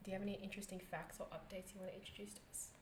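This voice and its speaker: A woman's voice: medium pitch, level tone, racing, darkish tone, roomy sound, a little hiss or hum. A woman in her thirties, a playful podcast co-host who laughs a lot in casual chat. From Australia.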